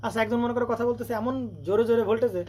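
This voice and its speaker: A man's voice: very high-pitched, steady tone, a little mellow, husky. A man teaching electronics, constantly firing questions at his students. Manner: rapid, keeps quizzing students with rhetorical questions. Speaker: electronics tutor. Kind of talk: classroom lecture with questions. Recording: faint background noise.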